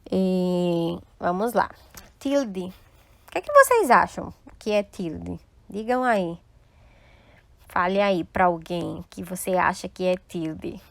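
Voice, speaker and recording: A woman teacher walks a class through a lesson at an unhurried pace. She explains each point patiently and keeps checking that her students follow. Her voice sounds dry and close, with no echo. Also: lowish voice, expressive, vocal fry. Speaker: Spanish teacher. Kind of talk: recorded online class.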